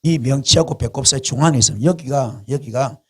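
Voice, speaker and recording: A man's voice: mid-range voice, fairly quick, slightly rough. A male pastor preaching a revival sermon in a colloquial storytelling way, repeating phrases for emphasis. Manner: colloquial, animated storytelling with repetition.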